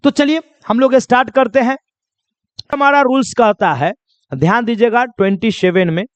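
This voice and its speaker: A man with a very high, smooth voice teaches English phonics as a lesson. He keeps asking a question and answering it himself, and he stretches out the letters slowly when spelling. The sound is close and dry. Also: no echo. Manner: repetitive call-and-answer teaching, asking then answering his own questions; drawn-out slow spelling of letters.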